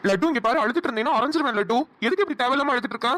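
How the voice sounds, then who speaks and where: A woman's voice: on the high side, lively intonation, racing, a bit bright. A woman voicing a young husband in a cartoon who teases and scolds his wife brusquely. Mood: teasing. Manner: teasing, brusque. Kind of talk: cartoon voice acting.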